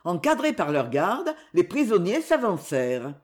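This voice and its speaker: A woman narrating an old adventure novel aloud, reading with lively expression. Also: fairly low pitch, a little slow. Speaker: audiobook reader. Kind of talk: scripted narration.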